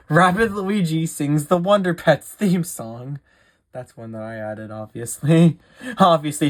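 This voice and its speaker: A video creator casually reading out a game simulator's events, adding chatty, giggly asides and stumbling over words. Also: medium pitch.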